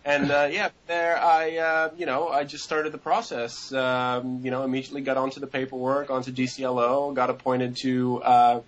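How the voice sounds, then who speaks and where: A man's voice: mid-range voice, little pitch movement, moderate pace, few pauses, slight background noise, rough recording. A man in his twenties answering interview questions in a rambling way, with many fillers and restarts.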